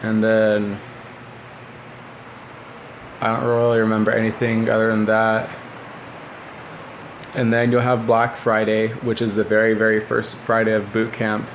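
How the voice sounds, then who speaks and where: On the low side and completely flat, this man's voice moves a little slowly with long pauses. In his twenties and once a military recruit, he rambles casually through boot camp stories by a window in a small living room, filmed on a phone at arm's length with poor audio and a little hiss or hum.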